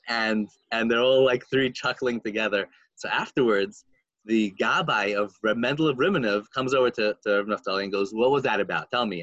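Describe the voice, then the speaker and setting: A man telling a story in casual chat, animated and full of fillers, putting on voices for the people in it. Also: mid-range voice, no room sound, muffled recording.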